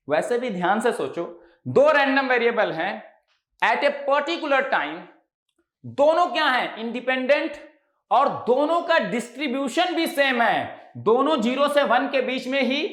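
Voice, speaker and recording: High-voiced male teacher, echoey room. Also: a bit bright. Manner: poses quiz questions and answers them himself; keeps checking understanding with tag questions. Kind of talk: exam-prep lecture.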